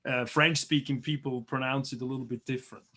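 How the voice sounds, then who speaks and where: A man from Switzerland teaching a biology review class over a video call, chatty and encouraging, slowly repeating terms. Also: mid-range voice, steady tone, bright, forceful tone.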